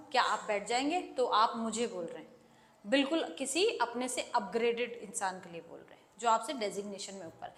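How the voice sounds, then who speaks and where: A woman with an Indian accent teaching an English grammar lesson, explaining patiently and acting out example sentences slowly. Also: high voice, a bit bright. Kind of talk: classroom-style grammar lesson. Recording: echoey room with long reverb.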